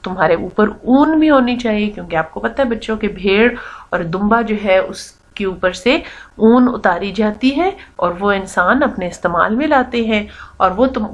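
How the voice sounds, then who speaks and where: Woman teacher explaining a story slowly. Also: medium pitch, lively intonation, muffled recording. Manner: reads English lines slowly, then explains them in Urdu. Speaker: English teacher. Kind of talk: reading a story aloud and explaining it to pupils.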